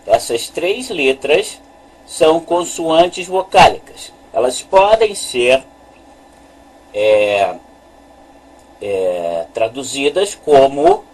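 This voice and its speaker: A man giving a slow, repetitive lesson on letters and sounds, pointing at a chart on his screen. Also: fairly high pitch, low-quality recording. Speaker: religious teacher.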